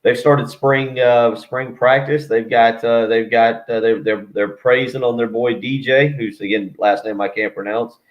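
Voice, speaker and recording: A man's voice: mid-range voice, steady tone, measured pace, hardly any pauses. A man calling in over the phone as a sports radio guest, talking casually and rambling with frequent restarts. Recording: tinny phone line.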